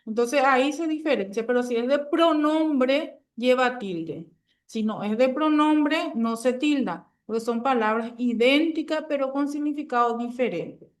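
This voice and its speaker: A woman's voice: high voice, unhurried. A woman teaching a grammar lesson to a class, patient and checking understanding often.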